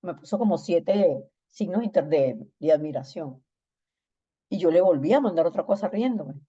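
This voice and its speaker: A woman teaching a church discipleship Bible lesson, telling stories and acting out text-message exchanges in lively voices. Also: fairly low pitch, moderate pace, slightly rough, lo-fi sound.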